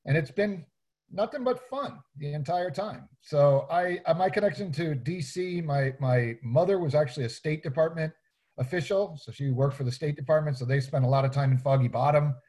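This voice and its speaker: A man who is mayor, leading casual meeting introductions, relaxed and hesitant with many fillers. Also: on the high side, normal speed. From Hawaii.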